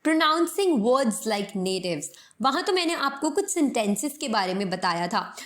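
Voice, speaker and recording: A young woman with an Indian accent giving an English lesson in Hindi, explaining slowly and demonstrating phrases. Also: a little high, big pitch swings, a bit bright. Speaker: English teacher.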